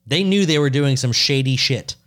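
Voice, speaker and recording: A man's voice: medium pitch, expressive, normal speed, fairly bright tone. A man co-hosting a podcast in casual chat, swearing freely and teasing his co-host with mock outrage.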